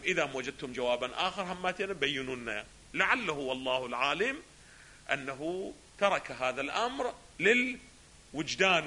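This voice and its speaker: A man's voice: a little high, sharp tone, breathy edge. A man giving a lecture on a philosophy text, often asking rhetorical questions and answering them himself. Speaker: religious scholar teaching a text.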